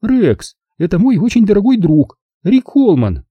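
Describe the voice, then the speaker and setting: A man voicing a loud, gushing, imperious socialite woman in an audiobook. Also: high voice, huge pitch swings, measured pace, husky, no room sound, lo-fi sound, voice pushed up, heavily acted. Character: glamorous flirtatious woman, thrice-married socialite hostess.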